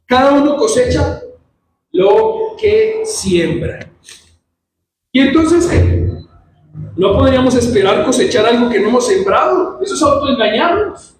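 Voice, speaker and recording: Very high-voiced preaching man in echoey hall. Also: moderate pace, noisy background. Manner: animated preaching, acts out quoted voices. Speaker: pastor teaching a church service. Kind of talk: sermon. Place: church hall. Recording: very echoey church hall from far off.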